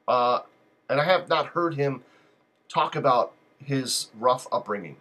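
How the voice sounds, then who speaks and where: A man's voice: mid-range voice, lively intonation, unhurried, sharp tone. A man hosting a live call-in stream, talking in a loose, digressive and joking way. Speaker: live call-in show host. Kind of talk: rambling live-stream monologue.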